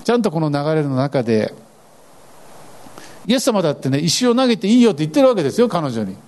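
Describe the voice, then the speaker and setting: A man preaching a sermon as pastor, animated and expressive, acting out scripture lines as he goes. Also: a little high, quick pace.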